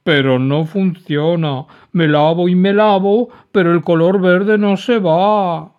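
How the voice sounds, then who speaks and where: A man's voice: high voice, slow pace, pitched above the performer's own voice. A man voicing a big, childlike male dragon who wails and whines through tears. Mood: sobbing. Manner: wailing, sobbing, whiny. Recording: dull lo-fi recording.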